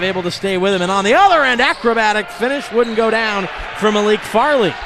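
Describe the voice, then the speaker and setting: A man calling a basketball game live as play-by-play commentator. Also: high-pitched. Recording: loud crowd and gym noise. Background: crowd, bouncing basketball.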